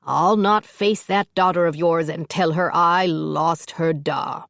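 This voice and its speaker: A woman voicing a gruff veteran male fighter who talks bluntly in a storybook reading. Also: low-pitched, fairly even intonation, slow pace, a bit bright, dry recording, clean studio sound, exaggerated voice.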